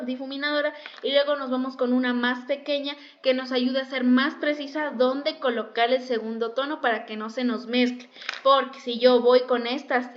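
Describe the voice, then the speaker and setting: A woman teaching a makeup class, explaining step by step and often repeating herself. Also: high voice. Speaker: makeup instructor. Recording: dull lo-fi sound.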